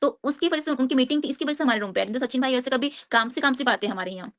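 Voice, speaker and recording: A woman's voice: high-pitched, very fast, fairly bright tone. A woman speaking as a guest on a live stream panel, rambling and repeating herself as she defends herself.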